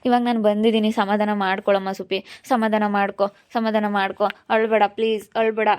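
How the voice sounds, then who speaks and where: A woman voicing a young husband in an amateur family drama skit, repeatedly begging his grieving wife to calm down. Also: medium pitch, brisk, smooth, close to an everyday voice. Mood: soothing. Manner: soothing, repeats pleas to calm down.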